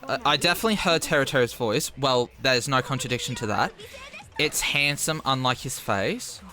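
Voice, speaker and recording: A man's voice: medium pitch, animated, moderate pace, bright, forceful tone. A man streaming a game, thinking aloud casually through clues.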